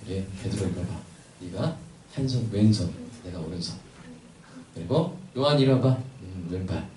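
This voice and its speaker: A man who is a pastor, voicing Jesus as a calm man who casually hands out tasks in a joking sermon aside, in an echoey church. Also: sits low, normal speed, slight background noise, voice pushed down. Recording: echoey hall, mic at a distance.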